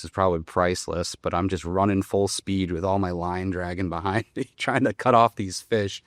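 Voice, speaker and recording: A man with a low, smooth, resonant voice recounts a fishing trip with real enthusiasm. His delivery is lively and storytelling. The recording is dry and close. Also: dry recording. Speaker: guest angler. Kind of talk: casual storytelling.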